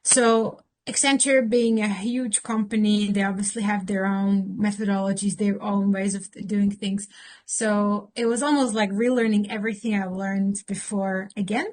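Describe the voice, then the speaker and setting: A woman's voice: medium pitch, steady tone, moderate pace, darkish tone. A woman in her thirties from Slovakia, answering interview questions thoughtfully with frequent fillers and restarts. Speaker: interview guest, consultant.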